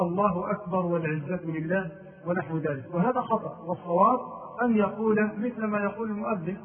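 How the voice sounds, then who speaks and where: A man's voice: high voice, distant mic, narrow, tinny audio. A man teaching a religious lesson, going through mistakes one by one and chanting the call-to-prayer phrases as examples. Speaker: Islamic scholar.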